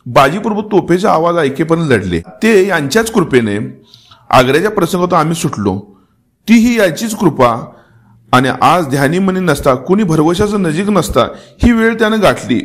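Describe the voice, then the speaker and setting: A man reading a historical novel voices a dying old king, weary yet still commanding, in an emotional, heightened, fervent way. His natural, animated delivery moves at normal speed, climbing in pitch and swelling in force into pleading and commanding outbursts, like a dramatic storybook reading.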